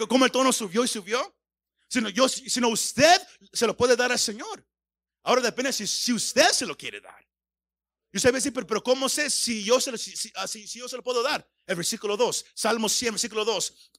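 A man with a high, gravelly voice preaches. He stumbles over repeated words before surging into loud calls, and the sound is close and dry with no room echo. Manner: stammering restarts, rising to shouts. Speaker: pastor. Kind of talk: sermon.

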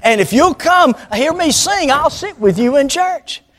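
A man voicing an excited little boy, talking in a bright, eager way. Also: extremely high pitch, measured pace, voice pushed up, heavily acted. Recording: long hall reverb.

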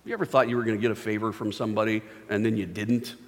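A man's voice: fairly low pitch, fairly even intonation, rapid-fire. A man preaching a sermon, telling a Bible story in a casual, playful way with many filler words. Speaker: pastor. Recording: long hall reverb.

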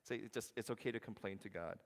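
A man preaching a sermon, animated, jumping from loud exclamations to hushed quoted lines. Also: fairly low pitch, fast talker, gravelly, big-room sound. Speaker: pastor.

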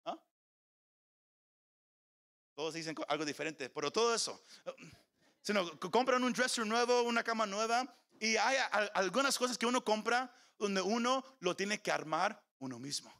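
A man's voice: high voice, expressive, moderate pace, sharp tone. A man preaching a sermon in a church, calling on the congregation and slipping into English phrases. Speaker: pastor. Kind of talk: bilingual sermon.

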